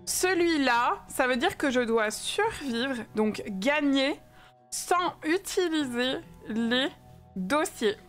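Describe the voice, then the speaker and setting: Young French woman streamer, high voice, loose chatty delivery greeting viewers. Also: lively intonation, slow, faint music behind. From France. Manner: chatty, greets viewers by name, many fillers. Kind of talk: casual live-stream chat.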